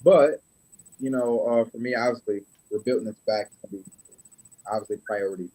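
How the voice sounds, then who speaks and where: A man's voice: mid-range voice, moderate pace, warm tone, rough recording. A young man chatting casually as a guest on a video call, with many fillers and tag questions, his audio cutting in and out so the volume keeps jumping. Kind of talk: casual chat.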